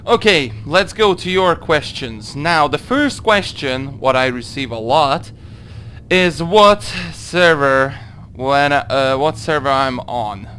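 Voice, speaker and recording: A young man from Hungary with a Hungarian accent, answering viewer questions in a casual gaming Q&A, halting through his English with many fillers. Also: a little high, expressive, bright, forceful tone, slight background noise. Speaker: gaming video creator. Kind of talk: casual Q&A monologue.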